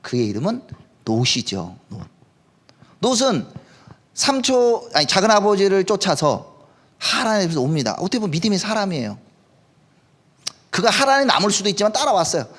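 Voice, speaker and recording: A man's voice: high voice, very animated, normal speed, pauses often, a bit bright. A male pastor preaching a sermon at a live service in a worship hall, in a conversational way, often putting questions to the congregation.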